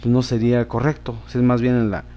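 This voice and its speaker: A man's voice: medium pitch, little pitch movement, fairly quick, warm tone. A man teaching a grammar lesson, patiently repeating words and checking in with his listeners.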